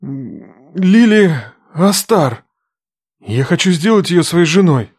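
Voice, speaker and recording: A woman voicing a proud, insistent male dragon nobleman with a husky, drawn-out delivery. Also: on the low side, sing-song, a little mellow, no room sound, clean studio sound, exaggerated voice.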